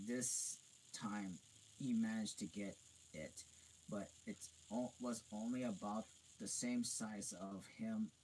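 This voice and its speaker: A man reading a novel aloud, halting and stumbling over words with frequent restarts. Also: fairly low pitch, a little mellow, slight background noise, low-quality recording. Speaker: reader.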